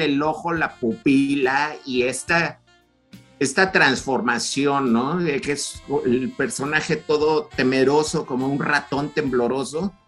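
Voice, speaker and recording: A podcast co-host with a Mexican Spanish accent chats casually about a film, rambling along with plenty of fillers and restarts. His voice is on the high side and a bit bright.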